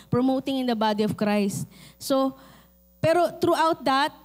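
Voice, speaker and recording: Woman, Filipino accent, middle-aged, pastor, sermon, high-pitched, animated storytelling. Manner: animated storytelling, acts out quoted voices. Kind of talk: sermon with personal stories.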